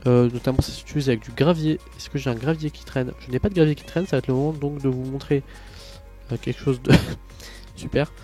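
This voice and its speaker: A man's voice: mid-range voice, steady tone, brisk, mellow, soft background music. A tired man narrating a game tutorial in a casual, rambling way, full of hesitations and asides. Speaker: Minecraft tutorial youtuber.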